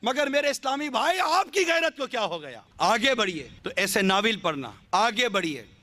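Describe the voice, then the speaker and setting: A man's voice: extremely high pitch, sing-song, moderate pace, bright, forceful tone, no echo. A male preacher giving an impassioned sermon, full of rhetorical questions.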